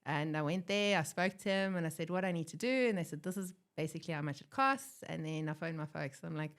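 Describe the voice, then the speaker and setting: A quick-paced woman with a voice that sits low shares her story as a guest in a casual interview. She's an airline pilot from Africa, German-born and raised in South Africa, and she's chatty, laughs frequently, and acts out quotes.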